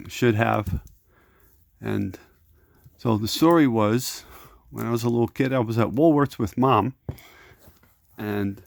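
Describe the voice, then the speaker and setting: Middle aged guy rambling about his toys, gravelly voice, dry close sound, keeps repeating himself. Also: mid-range voice, dry recording. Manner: rambling, repeats words and restarts, nostalgic. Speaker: toy collector reviewing action figures. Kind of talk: casual toy review vlog.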